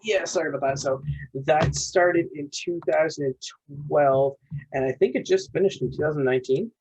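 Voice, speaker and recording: A man's voice: fairly high pitch, normal speed, a little mellow, breathy edge. A man co-hosting a podcast in casual chat, rambling eagerly and restarting his sentences often. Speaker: podcast co-host. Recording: dull lo-fi recording.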